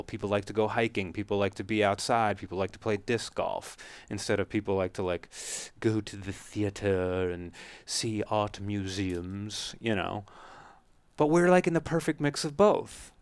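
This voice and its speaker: A man's voice: lowish voice, normal speed, clean tone, dry recording. A man from Colorado, co-hosting a podcast in casual chat, teasing and laughing often. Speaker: podcast co-host.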